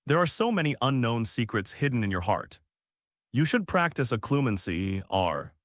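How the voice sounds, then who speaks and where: A calm, menacing young boy wizard from a storybook fan tale, as a man reads him out, speaking in a measured, even way with a lively rise and fall. The sound is dry and close. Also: medium pitch, no echo, lightly acted.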